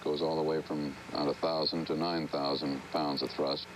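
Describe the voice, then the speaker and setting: Man, extremely low voice, live news commentary, measured halting explanations, noisy archival broadcast. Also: level tone.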